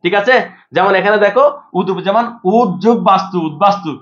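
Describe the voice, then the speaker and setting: Fast high-voiced male teacher. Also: a bit bright, lo-fi sound. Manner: explains rules, asks questions and answers them himself; repeats rules for drilling. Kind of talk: live online exam-prep class.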